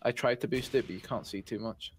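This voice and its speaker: A man chatting casually in a gaming voice chat, halting and restarting often. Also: medium pitch, a little hiss or hum. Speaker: playtester.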